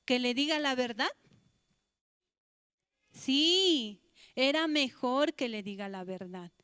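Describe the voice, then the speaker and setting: High-voiced woman telling children a story. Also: lively intonation, slow pace, a bit bright, clean tone, dry recording, studio quality. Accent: Bolivian Spanish. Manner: addresses children directly with questions. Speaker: children's church teacher.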